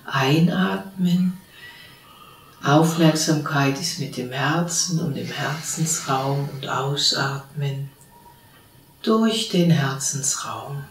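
A spiritual teacher leads a guided meditation, her low voice slow and calm as she gives instructions with long pauses. The sound is roomy from a distant mic, with slight background noise.

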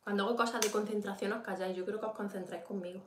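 A chatty woman with a Peninsular Spanish accent walks her viewers through a casual makeup tutorial. She talks to them directly and answers their comments as she goes. Her voice sits at a middle pitch and carries a noticeable room echo. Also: fairly even intonation, racing, a little hiss or hum. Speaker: beauty livestream host. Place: home room during a livestream. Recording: echoey room.

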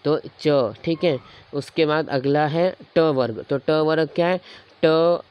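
A man's voice: on the high side, fairly even intonation, takes it slowly, clear, resonant tone. A man teaching a grammar lesson, patiently repeating each sound aloud to demonstrate it. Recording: dull lo-fi recording.

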